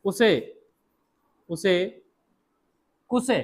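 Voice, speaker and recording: The classroom English lesson comes from a man with a Hindi accent and a high voice, who repeats points slowly and questions students as he goes. The audio is rough.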